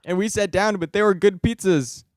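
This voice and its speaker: A man's voice: sits high, normal speed. A young man in casual podcast chat, telling a story and teasing with frequent laughter. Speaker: co-host.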